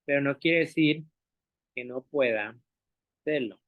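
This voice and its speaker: A male language teacher speaks at an ordinary pitch, patiently walking his listeners through each step and checking that they follow along. His voice comes through a narrow, tinny, phone-like line with no trace of room reverb. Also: unhurried. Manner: patient, explanatory, often asks for agreement and models sounds aloud. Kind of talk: explanatory online talk. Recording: dry, tinny phone-like sound.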